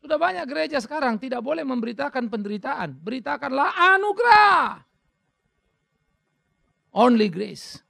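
A man preaching a fervent sermon as pastor, blunt and scolding, swinging between quiet, low talk and loud, high exclamations. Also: fast talker, creaky, no room sound.

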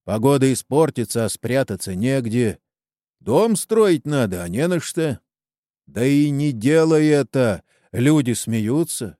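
A man's voice: mid-range voice, big pitch swings, measured pace, warm tone, no room sound, clean studio sound. A man voicing a weary, indebted peasant farmer who talks in a rueful, plain-spoken way, in a storybook reading.

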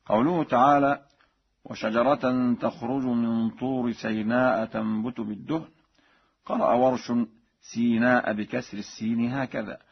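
Husky male Quran teacher on radio. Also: medium pitch, steady tone. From Egypt. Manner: formal, measured delivery. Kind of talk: radio lesson on recitation readings. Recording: dull lo-fi radio broadcast.

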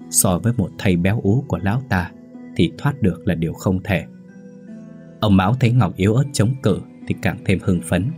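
A man narrating a horror story as a steady storyteller. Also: deep voice.

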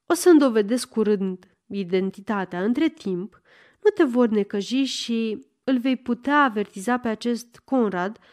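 A woman's voice: a little high, expressive, darkish tone, natural voice. A polite, wry young man, as a woman reader puts him on. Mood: calm, polite.

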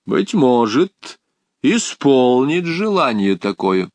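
Courteous king read by a male narrator, slow and stately, dry sound. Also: medium pitch, sing-song, darkish tone, dry recording. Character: mild, deferential king.

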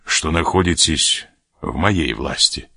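A man's voice: on the low side, sing-song, a little slow, fairly bright tone, dry recording, studio quality, exaggerated voice. A man reading aloud as a sly sailor who mocks and threatens an officer. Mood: mocking. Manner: mocking, laughs at threats. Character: sly mocking sailor, blackmailing a major.

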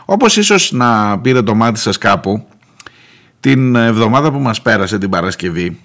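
A man hosting a radio talk show, telling a wry story and acting out the people in it. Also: fairly low pitch. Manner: animated, wry, mimics the people he quotes.

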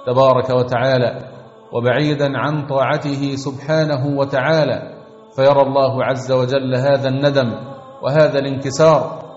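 A man's voice: mid-range voice, a little mellow. A man preaching a sermon, exhorting his listeners with earnest, rhythmic repetition. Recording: echoey long reverb, dull sound, faint music.

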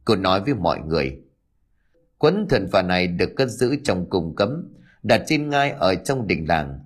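A man's voice: low-pitched, very animated, moderate pace, slightly rough. A man narrating an audiobook, telling the tale in a dramatic storytelling manner. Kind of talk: scripted narration.

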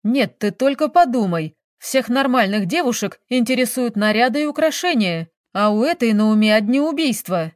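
A woman's voice: fairly high pitch, lively intonation, moderate pace, hardly any pauses, dry recording, studio quality, natural voice. A woman voicing a playful, whiny grown man, a detective who pleads and wheedles, in an audiobook. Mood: whiny, wheedling.

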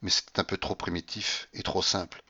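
A man reading a classic novel aloud in a measured, subdued narration. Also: low voice, flat delivery, pushed and bright, slightly rough, lo-fi sound. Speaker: audiobook narrator. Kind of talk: literary audiobook narration.

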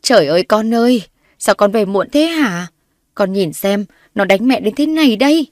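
A woman's voice: mid-range voice, fast, no room sound, close to an everyday voice. A woman voicing a spiteful older mother-in-law who scolds and shrieks accusations, read in a dry recording. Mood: shrieking.

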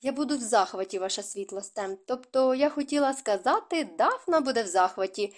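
A woman's voice: a little high, animated, a little fast, close to an everyday voice. A doting society matron with a busy mind for matchmaking, fond and lightly scolding, as a woman reading an audiobook puts her on. Her talk lifts playfully in a storybook reading. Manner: fond, teasing and gently scolding. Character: warm, scheming society mother of grown children.

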